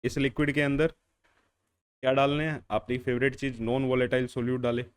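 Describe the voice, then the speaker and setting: With a smooth, mid-range voice and flat delivery at a moderate pace, a young adult man lectures on chemistry in a classroom. He calls the students "beta" and "bhaiya", repeats key phrases, and supplies answers to his own questions.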